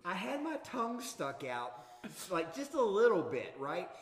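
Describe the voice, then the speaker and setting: Animated storytelling man in an echoey room. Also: sits high, a little slow. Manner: animated, laughing storyteller acting out dialogue. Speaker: podcast host. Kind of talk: casual storytelling chat. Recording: echoey room with long reverb, faint hum.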